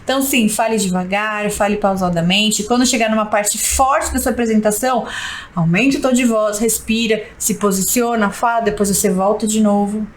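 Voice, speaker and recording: A woman's voice: medium pitch, fairly even intonation, moderate pace, poor audio. A Brazilian woman teaching a live-streamed class, checking in with "tá?" and drilling her points by repetition. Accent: Brazilian Portuguese. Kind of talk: live-stream lesson, reading viewer comments.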